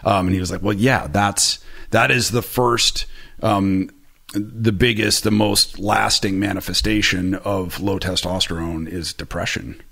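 This podcast guest has a deep, gravelly voice, steady and unhurried, with a pushed, bright tone. It's a candid conversational interview, and he rambles, puts himself down, and keeps restarting amid many fillers. The small room has bright orange shelves, and a boom-arm studio mic sits close to his mouth.

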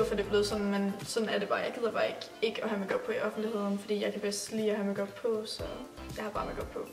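A woman's voice: on the high side, far from the mic. Giggly teenage girl vlogging in a roomy space. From Denmark. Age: teens. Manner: chatty, giggly, self-deprecating, lots of fillers. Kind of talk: casual vlog, reading out and answering facts from friends.

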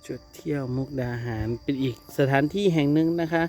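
A man's voice: a little high, steady tone, fairly quick, darkish tone, soft background music. A man with an Isan Northeastern Thai accent gives a casual walking tour of a hilltop temple and its viewpoint. He keeps calling out to his viewers as brothers and sisters. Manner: chatty, constantly addresses viewers as brothers and sisters. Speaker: travel vlogger and tour guide. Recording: noisy outdoor recording with insects and traffic.

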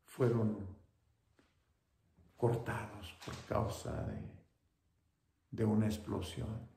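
A man's voice: level tone, very slow, vocal fry, reverberant, a little hiss or hum, full character voice. A man voicing a young wounded soldier speaking to his mother, speaking Spanish with a Mexican accent. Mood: quiet. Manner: quiet and low, then proud and raised. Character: young wounded soldier, son, brave and selfless.

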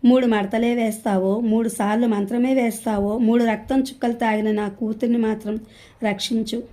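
A woman voicing a desperate male engineer father pleading for help in a storybook reading, in her own calm voice. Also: on the high side, moderate pace, natural voice.

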